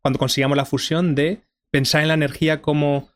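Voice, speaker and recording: A man's voice: fairly high pitch, level tone, a little fast. A young man from Spain with a Madrid accent, a guest explaining science in a casual interview, often restarting his sentences. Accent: Madrid Spanish. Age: young adult. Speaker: guest, fusion physicist.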